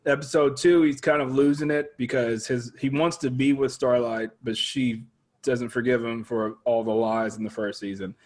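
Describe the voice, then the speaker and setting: A man in relaxed conversation who lays out a show's story point by point and drops into quoting the characters along the way. His pitch sits in the middle of the usual range for a man. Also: normal speed. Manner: explains plot step by step, quotes characters. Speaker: podcast guest. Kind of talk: casual chat recapping a TV show.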